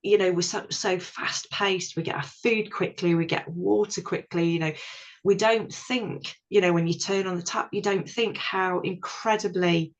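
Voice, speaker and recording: Woman from england, low voice, thoughtful, earnest, restarts sentences, muffled lo-fi recording. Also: steady tone, normal speed. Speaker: guest. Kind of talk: casual chat. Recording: dull lo-fi sound.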